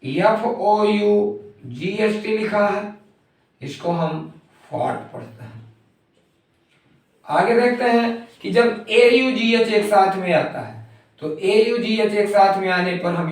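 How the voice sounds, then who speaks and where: A high-voiced man teaches a phonics lesson at a slow, patient pace, saying each example word more than once. He sits well back from the mic in a heavily echoing room. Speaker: English teacher. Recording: very echoey room, mic far off.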